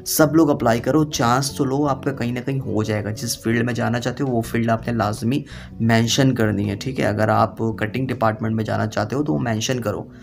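A man's voice: mid-range voice, steady tone, fairly quick, vocal fry, soft background music. A man giving a voice-over walkthrough, urging and reassuring viewers and repeating steps. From Pakistan. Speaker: job-info YouTuber. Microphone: voice-over, not recorded on site.

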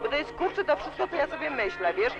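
A high-pitched, very animated woman in her twenties talks fast in an emotional, rambling interview for student radio, peppering it with "you know". It's a party at a student club with loud music, captured on dull, lo-fi old cassette tape.

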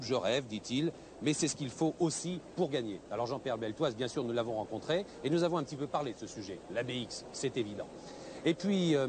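A man's voice: mid-range voice, background noise. A man reporting for television from a crowded indoor exhibition hall, chatting with visitors into a handheld microphone. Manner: brisk, chatty interviewer. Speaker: reporter at a car show.

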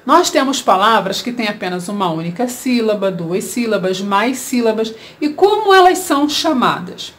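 A woman with a Brazilian Portuguese accent teaching a children's grammar lesson, explaining slowly and asking rhetorical questions. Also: a little high, expressive.

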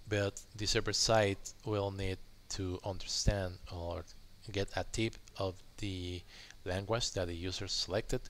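A software developer with a lowish voice hosts an informal live-coding tutorial, thinking aloud as a screen-recording voice-over at his computer indoors. He's halting, pausing mid-sentence and checking in with "right?" Faint background noise is audible.

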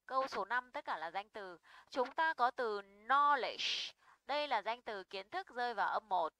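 In an online pronunciation lesson, a young woman with a bright, crisp, fairly high voice explains the rules of English stress. She's animated and patient, talks at a normal speed, and keeps checking that her students are following. The recording is close and dry, with no room echo.

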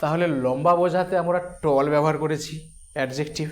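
A man teaching an English grammar lesson, speaking slowly and deliberately, repeating terms and splitting words into syllables. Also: on the high side, steady tone. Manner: asks questions then answers them himself.

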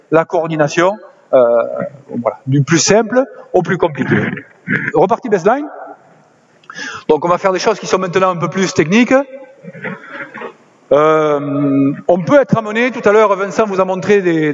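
A man coaching basketball players on court, directing drills with quick commands and encouragement. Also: high voice. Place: indoor basketball gym. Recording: slightly dull lo-fi sound with faint noise.

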